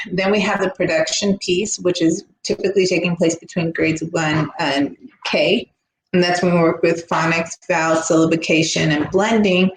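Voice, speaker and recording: A woman with a fairly low voice explains her lesson step by step, often pausing to ask "right?" as she goes. She sounds like she is in an echoey room with a faint hum behind her. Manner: explanatory, frequent "right?" check-ins. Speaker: teacher educator. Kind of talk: recorded lecture.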